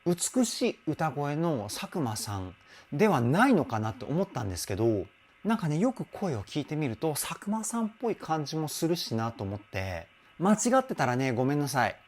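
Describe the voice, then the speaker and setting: Enthusiastic Japanese vocal trainer man, lively pitch. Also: moderate pace. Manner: enthusiastic, chatty, frequent hums and interjections. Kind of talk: casual music analysis commentary.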